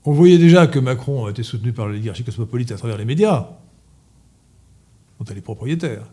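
A man giving a political lecture to an audience, halting with frequent filler sounds and restarts, and repeating his points emphatically. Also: medium pitch, lively intonation, dark tone, breathy edge. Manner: emphatic, insistent repetition. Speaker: lecturer at an association meeting.

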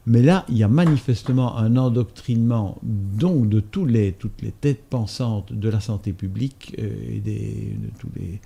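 A man from Belgium, a doctor being interviewed, speaking in a measured, matter-of-fact way. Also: lowish voice, creaky, warm tone, husky. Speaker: doctor and author, guest. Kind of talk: interview conversation.

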